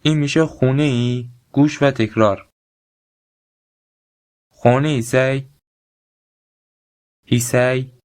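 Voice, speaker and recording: A man teaching a recorded language lesson, explaining grammar and saying short phrases slowly for learners to repeat. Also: medium pitch, steady tone, a little mellow. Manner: slow, deliberate drill phrases.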